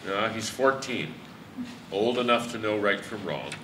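A man playing a steady, measured chief inspector on a live stage, picked up in an echoey hall from a distance. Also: on the low side, a little hiss or hum. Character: calm, firm male chief inspector. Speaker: stage actor. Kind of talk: amateur stage play.

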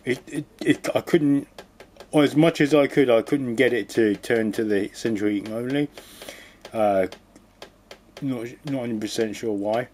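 A man's voice: mid-range voice, a little slow, a little mellow, slight background noise. A man giving a rambling, casual walkthrough of a boiler repair, often restarting his sentences and adding jokey asides. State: cold. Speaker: DIY video host.

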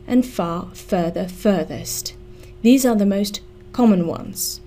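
Slow, mellow-voiced woman teaching grammar. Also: mid-range voice, a little hiss or hum. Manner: slow, careful, spelling out letters. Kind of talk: scripted grammar lesson.

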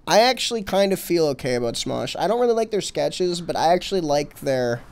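Profane, teasing young podcast co-host. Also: male voice, on the high side, sing-song, brisk, gravelly, smooth. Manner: profane, teasing, breaks into mocking put-on voices. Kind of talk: casual comedic chat.

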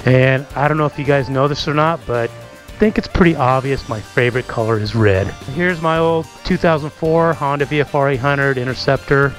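Soft background music plays as a middle-aged motovlogger takes viewers on a casual, relaxed tour of his home garage at a moderate pace and medium pitch. His helmet-mounted camera mic picks up lots of ums and asides.

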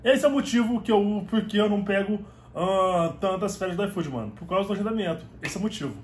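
A man's voice: high-pitched, fast talker, echoey room. A man, talking casually and animatedly to a phone camera at arm's length in a small room at home. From Brazil. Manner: animated, gesturing, slangy, repeats "mano". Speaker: delivery rider vlogger. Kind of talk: casual vlog talk to camera. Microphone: phone held at arm's length.

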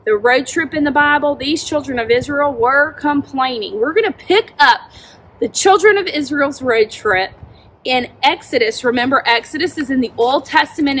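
A woman in her forties teaching a children's Bible lesson outdoors, talking straight to the kids in an animated, expressive way, recorded by a camera a few feet away. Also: sits high, a little hiss or hum, poor audio. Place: outdoors in a backyard by a tent.

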